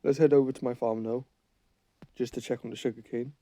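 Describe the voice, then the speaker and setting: This man hosts a gaming channel and has a cold that is taking his voice. He thinks aloud as he plays, rambling and repeatedly correcting himself, in a mellow mid-range voice with fairly even intonation and a slightly fast pace, recorded without echo.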